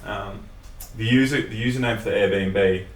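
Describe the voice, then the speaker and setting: Aussie guy with a lowish voice telling a travel story, ums all over, echoey room. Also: moderate pace. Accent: Australian. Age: young adult. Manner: relaxed storyteller, swears, hesitant fillers. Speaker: guest. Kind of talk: casual chat, storytelling. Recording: roomy sound, mic at a distance, faint hiss.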